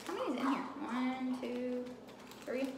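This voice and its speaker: Chatty young woman, high voice. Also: measured pace, music in the background. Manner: chatty, rambling, self-deprecating. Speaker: vlogger. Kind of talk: casual haul vlog. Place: home kitchen table, indoors. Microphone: camera on table. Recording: roomy kitchen with background noise.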